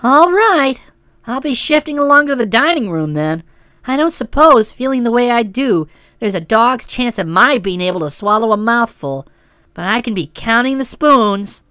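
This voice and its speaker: A woman's voice: fairly high pitch, very animated, normal speed, fairly bright tone, no room sound, voice pushed down. A woman voicing a blunt, solid young woman with a dry, matter-of-fact manner in an audiobook. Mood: brusque. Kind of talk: audiobook character voice.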